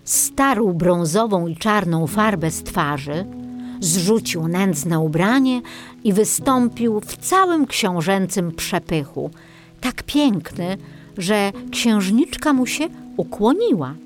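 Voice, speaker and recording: A woman narrating a fairy tale audiobook in a scripted, expressive way. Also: mid-range voice, slow pace, soft background music. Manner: expressive, lilting.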